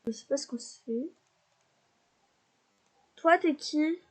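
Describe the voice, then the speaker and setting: A woman casually commentating her life-simulation gameplay, chatty and excitable, talking to her characters, sniffly from a cold. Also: high voice, slow pace. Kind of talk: casual let's-play commentary.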